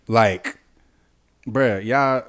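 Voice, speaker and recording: A young man co-hosting a podcast, chatting casually, laid-back and joking, getting animated when he tells a story. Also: mid-range voice, drawn-out words, clean tone. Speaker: podcast co-host. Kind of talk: casual chat.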